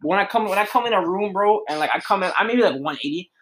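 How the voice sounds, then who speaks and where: A young man co-hosting a casual livestream chat, animated and slangy, tacking "bro" onto his lines. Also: high voice, racing.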